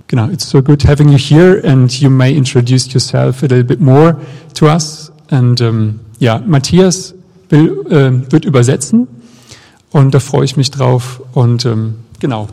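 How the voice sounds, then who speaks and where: A man hosting a church service, introducing guests in a relaxed way with many fillers. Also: medium pitch. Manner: relaxed, many "ähm" and "genau". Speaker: church host. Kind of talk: service announcement. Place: church hall. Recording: long church hall reverb.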